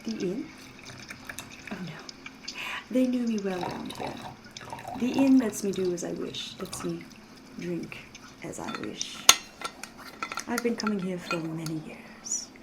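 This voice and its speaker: Background noise accompanies a mid-range female voice acting as a sly, elegant vampire who flirts gently. Her ASMR roleplay is soft-spoken and half-whispered, with refined phrasing and playful pauses, and it comes across as sly and inviting.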